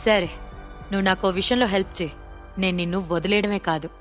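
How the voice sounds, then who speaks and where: A woman voicing a calm, self-assured young male hero in an audio story, giving orders quietly and quickly. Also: medium pitch, soft background music, close to an everyday voice.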